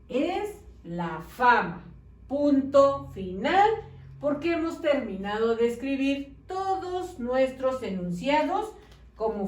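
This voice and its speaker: A woman teaching young children to read and write, dictating slowly and praising them patiently in a sing-song manner. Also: on the high side, a little mellow. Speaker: primary school teacher. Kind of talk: slow children's dictation lesson. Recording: roomy, slightly distant mic.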